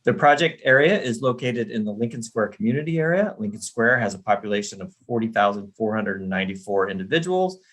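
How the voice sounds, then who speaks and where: A man's voice: fairly low pitch, lively intonation, fast, few pauses, a bit bright, poor audio. A man from the city planning department giving a formal presentation on a video call, reading steadily from a prepared script.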